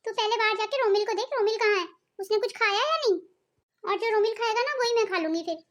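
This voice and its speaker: A woman voicing a gentle, humble older mother-in-law in a cartoon family drama, speaking in a soft, reassuring way. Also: very high voice, fast talker. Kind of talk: cartoon voice acting.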